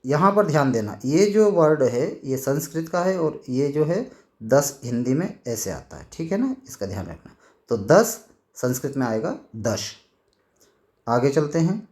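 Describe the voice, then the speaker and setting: Male teacher explaining grammar, slow and deliberate, repeats key words, slightly higher voice. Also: very animated, a little mellow. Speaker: Sanskrit teacher.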